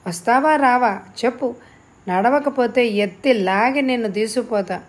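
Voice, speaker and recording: A woman's voice: mid-range voice, normal speed, close to an everyday voice. Woman reading a harsh bullying dad, barking and scolding, audiobook character. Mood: angry. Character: bullying domineering father, harsh and shouting.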